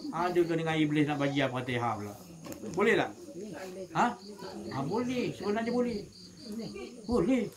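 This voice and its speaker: Malaysian guy giving a casual religious talk, voice jumps up high, keeps asking the crowd stuff, crowd noise around. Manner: colloquial, asks the audience questions. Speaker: religious teacher. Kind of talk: informal religious talk to a gathering. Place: evening gathering with listeners.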